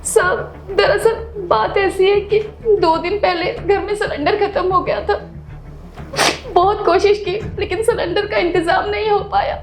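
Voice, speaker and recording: A woman's voice: high-pitched, animated, normal speed, a little mellow, faint music behind. A woman playing a poor house maid in a short drama skit, snappy and defensive, turning to pleading. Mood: pleading, tearful. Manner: snappy and quarrelsome, then pleading. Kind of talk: Hindi web-skit acting.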